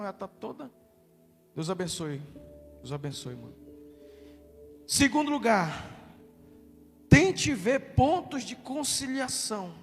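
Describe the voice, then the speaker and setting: A male pastor with a Brazilian Portuguese accent, preaching a sermon in a naturally loud, emphatic voice and calling out to his congregation. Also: high voice. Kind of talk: sermon with declared prayer. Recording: reverberant hall with faint music.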